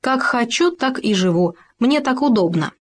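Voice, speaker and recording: A woman's voice: on the high side, animated, normal speed, pitched above the performer's own voice. A woman voicing a brash, careless female cuckoo bird who talks cheekily and flippantly. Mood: cheeky.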